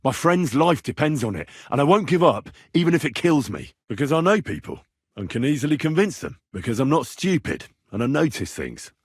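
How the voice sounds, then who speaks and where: A stubborn young video game investigator asks earnest, plain-spoken questions in a slightly rough, high-leaning voice that swings widely in pitch. He sounds determined and probing, talking fairly quickly. The recording is dry and close, with no echo or room sound.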